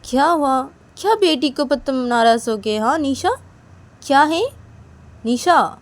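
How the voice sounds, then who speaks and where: Woman playing a worried young woman, coaxing, insistent questions, high raised voice. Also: animated, measured pace.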